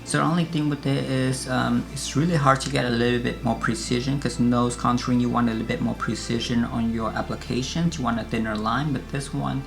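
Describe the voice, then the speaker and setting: A man's voice: mid-range voice, steady tone, fairly quick, gravelly, few pauses, over music. A man giving a casual, chatty makeup tutorial as a beauty vlogger.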